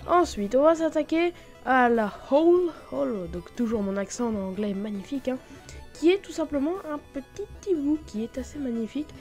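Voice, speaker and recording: A woman giving a chatty, excitable commentary while showing a game mod, with lots of fillers and sudden exclamations. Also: high voice, a little fast, faint music behind. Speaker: gaming YouTuber. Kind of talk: Minecraft mod showcase commentary.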